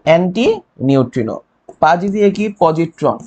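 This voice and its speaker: With faint music behind him on a muffled recording, a young chemistry tutor speaks briskly in a fairly high, slightly mellow voice with lively intonation. He has a Bangladeshi Bengali accent and runs an online exam-prep lecture, using rhetorical questions and mnemonics and asking "ঠিক আছে?" frequently.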